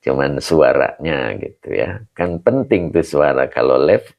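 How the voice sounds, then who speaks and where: A man with a hoarse, very deep voice teaching a live online class as an Islamic teacher, explaining patiently and tagging phrases to his listeners. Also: lively intonation, a little slow. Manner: explains patiently, ends phrases with "begitu, Pak". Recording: dull lo-fi livestream audio.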